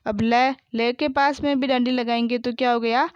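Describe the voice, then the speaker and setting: Woman teacher, higher voice, very slow and clear, dull lo-fi audio; spells out words for young pupils, then asks questions. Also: fairly even intonation, dry recording. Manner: reads words slowly, then explains and quizzes. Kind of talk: slow word-by-word reading lesson.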